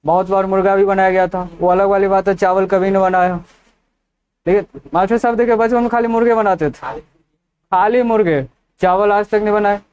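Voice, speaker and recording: A man's voice: high-pitched, steady tone, a little fast, darkish tone, clean tone, lo-fi sound. A man teaching an English lesson in a folksy way, asking the class rhetorical questions and joking on the side.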